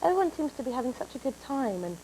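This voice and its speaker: A woman's voice: high voice, fast, low-quality recording. English woman in her twenties, chatty guest on a talk show, bit of hum behind. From England. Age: 20s. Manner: animated storytelling, breaks into laughter. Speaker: actress guest.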